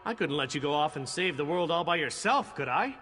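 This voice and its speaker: A man voices a cocky, sardonic knight in a video game, a jaded but charming male adventurer with a flippant, teasing, wry way of talking. His full character voice is a little high, expressive, fairly quick, bright, forceful and slightly rough, set against long hall reverb and music.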